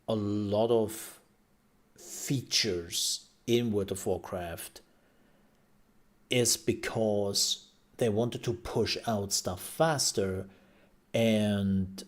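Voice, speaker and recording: A man with a lowish voice chats casually on a live stream, reacting as he goes. He rambles and thinks aloud, repeating phrases, his voice tired from a long day of talking.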